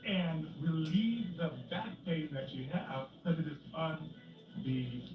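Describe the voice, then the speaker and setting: A man's voice: a little high, lively intonation, a little slow, over music. A man speaking as a customer in an advertising testimonial. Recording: echoey, distant TV playback.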